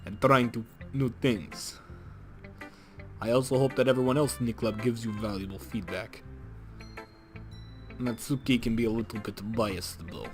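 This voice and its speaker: A man voicing a shy, polite bookish teen girl in a let's play, speaking softly and apologetically. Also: mid-range voice, steady tone, normal speed, long pauses, faint music behind, close to an everyday voice. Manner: soft and apologetic. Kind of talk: let's play character reading.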